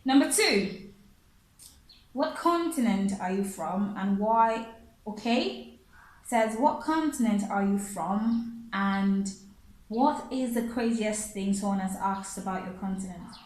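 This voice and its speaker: A woman from Africa who teaches pronunciation, with English as her second language, casually works through viewer questions, laughing often and repeating her phrases. Her mid-range voice is expressive, slow and a little mellow, on poor, reverberant audio.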